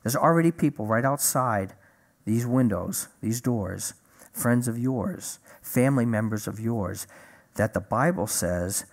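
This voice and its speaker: A man preaching a sermon, telling a personal story in a lively way and acting out the conversations in it. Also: medium pitch, a little slow. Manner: animated storyteller, acts out dialogue.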